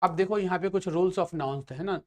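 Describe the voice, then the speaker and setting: A man's voice: high-pitched, moderate pace. A man teaching English grammar to exam students in Hindi, explaining patiently, mixing in English phrases and often checking that students follow. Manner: explains patiently, repeats checks like "theek hai".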